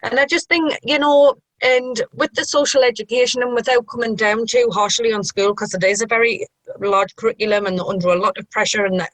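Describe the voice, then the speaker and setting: A woman's voice: fairly high pitch, fairly even intonation, a little fast, fairly bright tone, no room sound, poor audio. A young woman with a strong Sunderland Mackem accent, talking earnestly and at length in a casual interview. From Sunderland, England. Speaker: sociology group member being interviewed.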